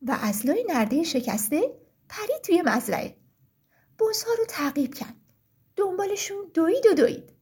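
Woman reading a kids' story, really high voice, bouncy sing-song. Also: a little mellow. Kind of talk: children's story narration.

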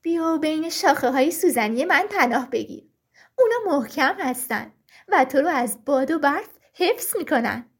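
A woman's voice: sits high, lively intonation. Woman doing a kindly spruce tree. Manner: warm, kindly. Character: kind sheltering spruce tree.

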